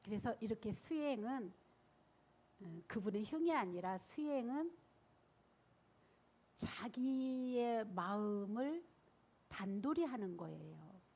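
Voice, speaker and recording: A woman, a Buddhist nun, giving a sermon and telling stories in a lively, animated way. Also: fairly high pitch, slightly rough. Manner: lively storytelling, animated and laughing.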